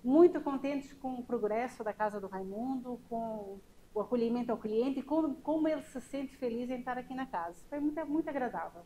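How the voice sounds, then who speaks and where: A middle-aged woman from Portugal, answering interview questions in a warm, measured way in a small bar. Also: on the high side, lively intonation, slight background noise, poor audio. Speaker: business co-owner, guest. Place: small restaurant bar, indoors.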